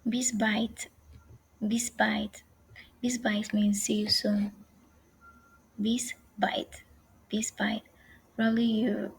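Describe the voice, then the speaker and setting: A woman teaches an online language lesson at a very slow, unhurried pace. Her voice is soft and breathy, sitting at an ordinary middle pitch. She says each phrase twice with careful pronunciation. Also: poor audio.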